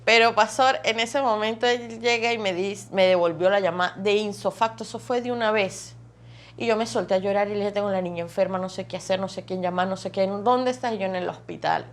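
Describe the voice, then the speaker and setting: A woman's voice: mid-range voice, steady tone, brisk. A woman, giving an emotional personal testimony in vivid, repetitive storytelling that piles up phrases. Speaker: testimony guest.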